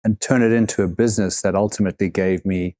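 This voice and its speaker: A man's voice: lowish voice, fairly even intonation, mellow. A middle-aged man from Africa, a guest in an interview, talking thoughtfully and unhurriedly about his life and travels. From South Africa. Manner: thoughtful, unhurried, repeats words as he gathers thoughts. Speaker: guest, overland vehicle consultant. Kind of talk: reflective interview conversation.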